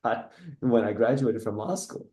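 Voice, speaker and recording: An entrepreneur from Seattle, born in Taiwan, is a guest in a casual interview in an echoey room. His low, mellow voice stays steady at a moderate pace as he reflects and rambles, restarting often with soft laughs.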